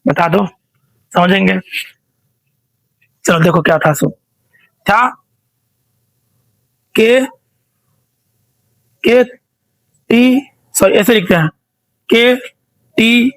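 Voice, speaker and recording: High-voiced man quizzing an online class. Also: no echo, poor audio. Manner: asks questions repeatedly, prompts students to answer. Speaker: teacher. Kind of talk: online class quiz revision.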